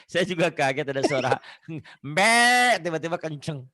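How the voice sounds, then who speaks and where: A man's voice: a little high, steady tone, normal speed, no room sound, clean studio sound. A man teaching a Quran reading lesson over a video call, patient and chatty, singing verses to correct his student and laughing often.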